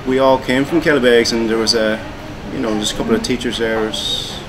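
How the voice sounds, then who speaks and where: A man's voice: medium pitch, brisk, noisy background. A man, a head chef who grew up in Donegal after being born in Hong Kong, chatting easily in an interview and filling his talk with "you know". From born in Hong Kong, raised in Donegal, Ireland. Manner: relaxed, full of "you know" and "um". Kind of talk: casual interview. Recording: crowd chatter behind.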